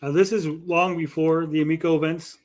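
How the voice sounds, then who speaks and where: Brief: male commentary host, voice a touch high, swears freely, emphatic and indignant. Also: flat delivery, brisk, a little mellow. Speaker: host commenting on a played recording. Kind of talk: casual, profane commentary.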